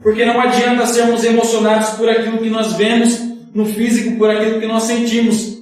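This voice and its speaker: A high-pitched man preaches a sermon, calling his listeners brothers and pressing them with questions. His voice rings through a very echoey hall, heard from a distance away from the mic, and he leads the congregation in call-and-response. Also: completely flat delivery, brisk, a little mellow. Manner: addresses listeners as brothers, asks pointed questions. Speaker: evangelist preaching. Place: church hall. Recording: very echoey hall, picked up from far off.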